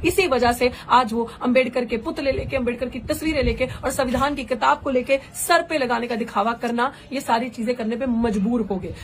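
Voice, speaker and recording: A woman's voice: a little high, moderate pace, few pauses, a little hiss or hum. Fervent woman giving a political address. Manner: fervent, rhetorical, mixes English phrases. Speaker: political activist and candidate. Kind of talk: impassioned live political address.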